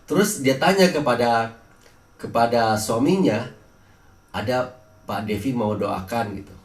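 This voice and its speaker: A man's voice: a little high, roomy sound, far from the mic. A man preaching a sermon, telling healing stories with frequent restarts and hesitations. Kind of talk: sermon with personal healing testimony.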